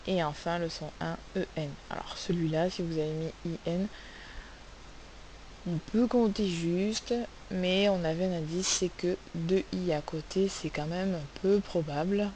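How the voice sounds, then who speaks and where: A woman teaching a phonics lesson, sounding out letters and syllables slowly and asking the class questions. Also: fairly low pitch, steady tone, darkish tone, low-quality recording. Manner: slow, carefully spelled-out sounds, asks questions. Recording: faint hiss.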